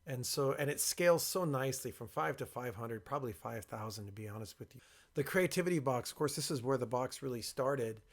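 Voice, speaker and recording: A man presenting informally and explaining his work, speaking with a box over his head, in a creaky voice. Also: medium pitch, lively intonation, brisk. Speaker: workshop creator and presenter.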